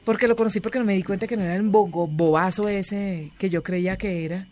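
A woman's voice: medium pitch, fast talker. A woman, a guest telling stories in a casual interview and acting out the voices of the people she quotes. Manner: animated, acts out quoted voices.

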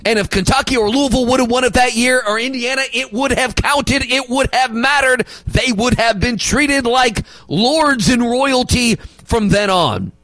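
A male sports radio host arguing basketball opinions and rattling off stats, with emphatic loud bursts. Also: very high voice, moderate pace, few pauses, no echo, poor audio.

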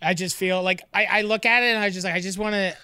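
A man in his thirties from Canada chats on a podcast, his voice high, bright and smooth. He rambles and stumbles over his restarts. The sound is close and dry. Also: fairly even intonation, quick pace. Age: 30s. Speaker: podcast co-host. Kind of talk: casual chat.

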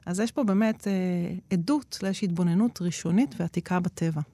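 A woman's voice: medium pitch, lively intonation, warm tone. A woman being interviewed as an expert, explaining at length with frequent hesitation fillers. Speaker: guest expert on nature-inspired innovation.

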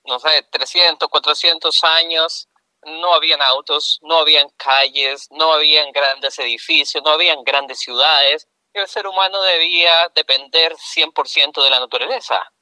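Interview guest: Chilean man, middle-aged, patient explainer, a touch high, very bright tone. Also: fairly even intonation, normal speed, clear, resonant tone, no room sound, low-quality recording. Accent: Chilean Spanish. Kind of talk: interview answers.

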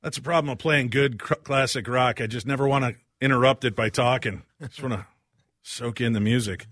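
A man's voice: medium pitch, brisk, no room sound, clean studio sound. A man from Illinois hosting a radio talk show, telling stories casually and acting out the voices in them. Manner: animated, acts out the voices in his stories. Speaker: radio host. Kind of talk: casual storytelling chat. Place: radio studio.

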